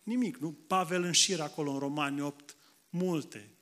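A man preaching a sermon, from Moldova, talking conversationally and often checking in with the congregation, alternating loud emphatic bursts with quiet asides. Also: fairly high pitch, steady tone. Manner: conversational preaching, frequent tag questions to the congregation.

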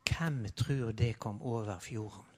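A man telling a Bible story to children as a lively sermon, speaking as a disciple in first person and leading the audience in sound effects. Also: medium pitch, big-room sound.

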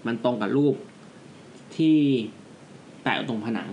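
A man's voice: a little mellow, a little hiss or hum. A man co-hosting a casual podcast, telling ghost stories in a loose, slangy way. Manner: fast, loose storytelling with crude slang. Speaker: podcast co-host. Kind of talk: casual ghost-story chat.

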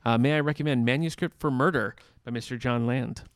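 A man co-hosting a podcast, reading a novel chapter aloud and chatting about it in a plain, steady way. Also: mid-range voice, a little fast, no echo. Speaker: podcast co-host.

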